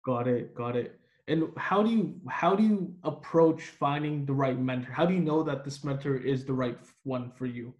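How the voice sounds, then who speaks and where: A man's voice: mid-range voice, moderate pace, hardly any pauses, a little mellow, dull audio. Man host asking questions in a roomy space. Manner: reflective, uses fillers like um and like. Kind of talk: podcast interview. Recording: roomy echo.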